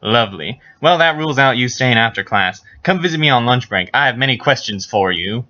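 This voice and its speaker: A man's voice: medium pitch, lively intonation, a little fast, pushed and bright. A man voicing a kindly, concerned older brother and teacher in a hammy, theatrical fan fiction reading. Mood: warm, questioning. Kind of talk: mocking dramatic reading. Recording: dull lo-fi recording.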